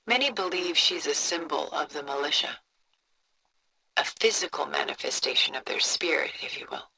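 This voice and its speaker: An actress playing a cultured, composed older woman who collects art, with a refined, measured, contemplative delivery for a video game. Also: sits low, lively intonation, a little hiss or hum, heavily acted, rough recording. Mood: reflective, admiring. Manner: refined, measured, contemplative, soft breathy phrase endings. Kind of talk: video game character dialogue, museum-guide storytelling.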